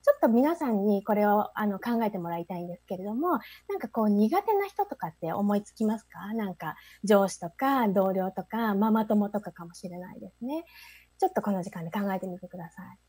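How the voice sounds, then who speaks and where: Lively, quick-talking woman giving a talk. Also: mid-range voice, husky, dry recording. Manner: soft, frequent fillers, asks the audience questions. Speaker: speaker giving a short talk. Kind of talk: prepared stage talk.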